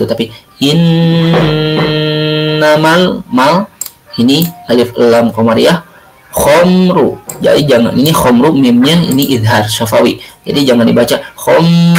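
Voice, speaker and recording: A male religious studies teacher explaining Quran recitation rules, drawing out chanted Arabic words slowly between explanations. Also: medium pitch, gravelly, poor audio. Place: home or classroom, recorded for remote learning.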